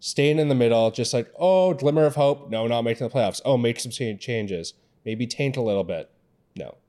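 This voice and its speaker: Relaxed young man chatting. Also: mid-range voice, normal speed. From Canada. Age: 20s. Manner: relaxed, rambling with fillers. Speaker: podcast co-host. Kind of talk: casual chat.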